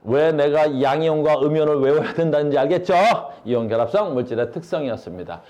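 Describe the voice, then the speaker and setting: A man's voice: on the high side, quick pace, mellow, muffled recording. A male science teacher giving a classroom lecture, blunt and slangy, asking his students questions all the time.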